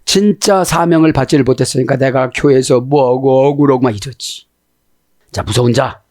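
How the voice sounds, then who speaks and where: A man's voice: mid-range voice, a little mellow, dry recording, clean studio sound. A man preaching as a pastor, explaining Hebrew scripture words and often checking in with listeners using short tag questions. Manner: slows down to spell out word grammar.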